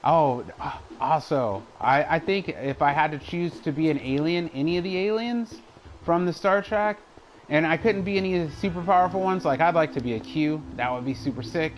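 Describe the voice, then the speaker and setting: A man's voice: a little high, moderate pace, slight background noise, rough recording. Chatty, rambling male streamer. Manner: rambling, chatty, laughs often. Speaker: live streamer. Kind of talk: casual chat while gaming.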